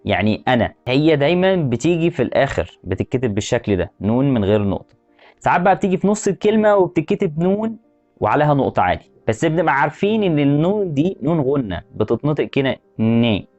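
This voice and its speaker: Man, Egyptian Arabic accent, language teacher, quick delivery, repeats words patiently, asks the listener questions. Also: fairly high pitch, big pitch swings, darkish tone, dull audio, faint music behind. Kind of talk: explanatory lesson.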